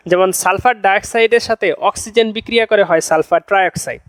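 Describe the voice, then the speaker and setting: A young male tutor runs a chemistry lesson in a notably high voice, recorded close and dry. He says each point two or three times over and keeps coaxing his students with little check-ins. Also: fast, a bit bright, no room sound. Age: young adult. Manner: coaxing, checks in with "okay?" and "see". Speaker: admission-test tutor. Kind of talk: chemistry class lecture.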